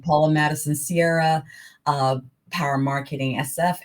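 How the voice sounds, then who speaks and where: A woman from New York hosting an online interview show, energetic, enthusiastic and quick to laugh, heard over a video call. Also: low voice. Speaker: talk show host.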